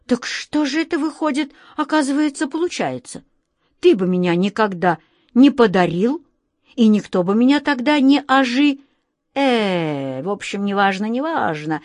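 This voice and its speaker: An excitable striped tomcat wizard from a storybook, as a woman reader puts him on, jumping high and loud as he fusses and pleads. His words come out slowly, as if he has to push each one. The sound is dry and close. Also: dry recording, heavily acted. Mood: frantic. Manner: fussy, pleading, then threatening.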